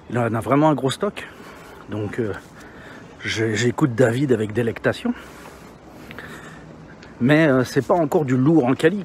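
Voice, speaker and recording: A man with a mid-pitched voice talks casually to his stream while walking outdoors. He is audibly winded, and his slangy talk rambles along over a light bed of city and traffic noise. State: out of breath, panting from walking. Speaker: live streamer. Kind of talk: casual chat to livestream viewers while walking. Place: outdoors, walking in an urban area. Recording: noisy outdoor street sound with traffic.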